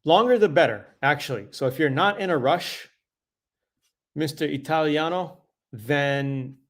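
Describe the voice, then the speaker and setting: A man's voice: fairly high pitch, animated, moderate pace. A middle-aged man hosting a casual live Q&A, answering viewer questions in a loose, conversational way with fillers and self-corrections.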